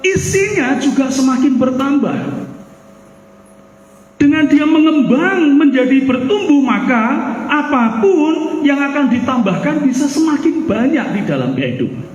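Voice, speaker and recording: High male pastor, animated sermon delivery, roomy reverberant church sound. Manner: animated preaching, mimics a crying baby with loud outbursts; addresses the congregation as "saudara". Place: church hall. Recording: echoey hall, long reverb.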